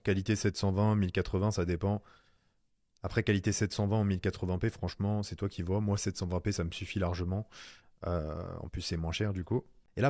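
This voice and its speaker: A man's voice: lowish voice, darkish tone, no echo, studio quality. A man giving a casual screen-recorded tutorial in French, chatty and slangy, talking straight to the viewer as "tu". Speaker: online course instructor.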